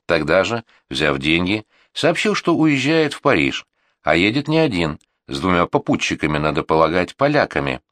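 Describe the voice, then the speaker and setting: A man narrating a historical novel as an audiobook with expressive, varied intonation. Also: low-pitched, normal speed, no room sound, studio quality. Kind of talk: scripted narration.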